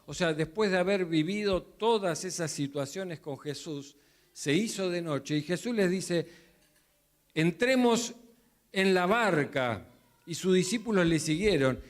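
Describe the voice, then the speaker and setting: A man's voice: high-pitched, animated, a little slow. A man preaching a sermon, telling the story vividly and acting out the voices in it. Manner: storytelling, acting out the disciples' cries and Jesus' replies. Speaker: pastor.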